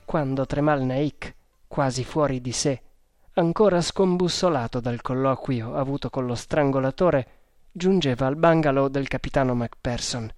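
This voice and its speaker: Steady audiobook narrator, dry sound. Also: medium pitch, no echo. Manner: steady, measured reading. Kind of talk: scripted adventure narration.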